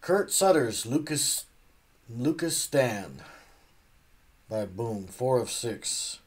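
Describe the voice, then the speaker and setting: A man's voice: medium pitch, animated, very slow, slight background noise. A man casually unboxing comics, rambling, trailing off and swearing offhandedly. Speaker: comic unboxing channel host.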